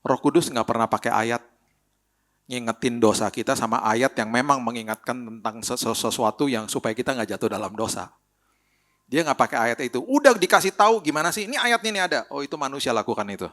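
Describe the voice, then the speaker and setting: A middle-aged man with an Indonesian accent, a pastor preaching a lively, story-filled sermon and acting out the quotes. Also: mid-range voice, fairly quick. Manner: lively storytelling with acted quotes, mixes in English phrases.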